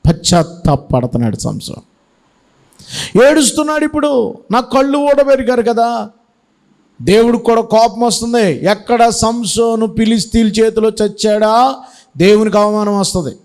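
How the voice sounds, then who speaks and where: A man's voice: high voice, animated, moderate pace, pauses often, a little mellow. A male pastor preaching a sermon, retelling a story emphatically and asking the congregation questions.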